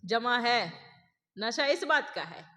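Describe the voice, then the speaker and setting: A woman's voice: a little high, lively intonation, slow, sharp tone. A woman giving a spiritual sermon, pressing her listeners with rhetorical questions and mimicking their boasts. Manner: acts out others' boastful voices. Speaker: spiritual speaker. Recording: long hall reverb.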